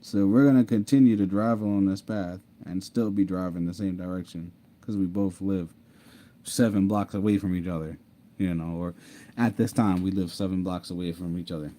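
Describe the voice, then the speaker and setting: A man's voice: low-pitched, steady tone, moderate pace, warm tone. A man casually telling his own story to viewers, repeating himself, laughing and saying "mind you". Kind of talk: casual storytelling over screen share.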